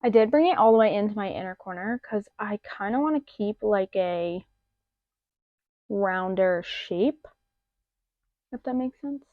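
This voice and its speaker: A woman's voice: mid-range voice, unhurried, long pauses, dry recording. Chatty woman with a slight lisp. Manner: chatty, expressive, rambling with fillers. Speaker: makeup vlogger. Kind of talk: casual chat. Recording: dull lo-fi dry sound.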